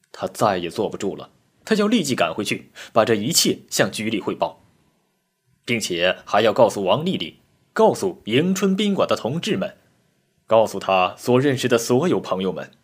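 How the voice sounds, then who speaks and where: A man's voice: lowish voice, slightly rough. A man narrating a dramatic story and voicing its characters. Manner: expressive, voices the characters.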